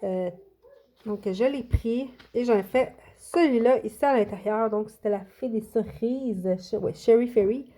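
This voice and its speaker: A woman's voice: on the high side, measured pace, mellow. A woman with a Québécois French accent chatting casually through a show-and-tell of her coloring books, hesitant, with many fillers and restarts. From Quebec. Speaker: coloring book YouTuber.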